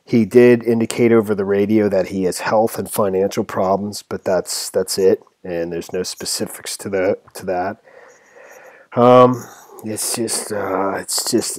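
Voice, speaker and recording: A man offers informal commentary on a news story, partly reading and partly ad-libbing, halting and rambling as he trips over words. His voice is low and a little mellow, in a dry recording.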